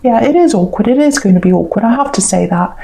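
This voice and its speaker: Higher-pitched, mellow woman giving a tarot reading. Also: lively intonation, quick pace, gravelly. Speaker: tarot reader. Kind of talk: mystical tarot horoscope reading, conversational and unscripted.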